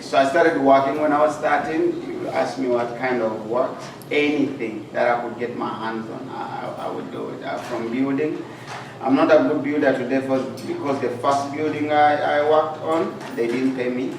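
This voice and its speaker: In a noisy, echoey club meeting room, a Ugandan man with a gravelly mid-range voice speaks as a guest, telling his life story earnestly and plainly. He's recorded from far off the mic.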